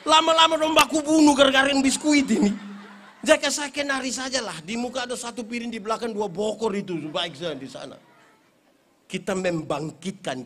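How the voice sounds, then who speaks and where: A male pastor, preaching a humorous sermon at a Christmas gathering and telling stories with lively acted-out voices. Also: sits high. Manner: animated storyteller, acts out voices and shouts.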